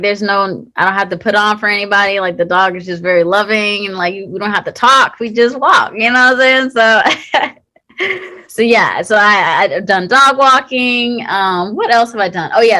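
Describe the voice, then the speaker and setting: A woman's voice: medium pitch, bright, forceful tone. A young woman actor talking in a casual interview, earnest and heartfelt, with many fillers and restarts. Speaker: guest, actor.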